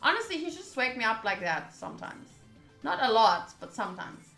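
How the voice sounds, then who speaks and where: Very animated and a little fast, this woman's slightly high, sharp voice carries her visual novel stream as she reads the text and makes casual comments to viewers. Faint game music plays behind a roomy echo.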